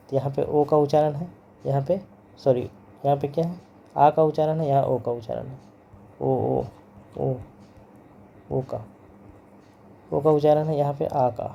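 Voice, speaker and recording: Speaking in a mellow, fairly high voice, a male lecturer covers physics in Hindi mixed with English terminology. He says every term and how to pronounce it repeatedly, as in a classroom lecture. There's slight hiss or hum in the audio.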